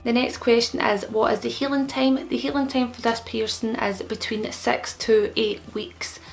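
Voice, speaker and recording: A woman's voice: on the high side, steady tone, normal speed, rough recording. A young woman in casual explanatory vlog talk, her speech slightly impeded and thick-tongued, as with a newly pierced tongue. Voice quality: creaky. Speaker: vlogger answering common questions.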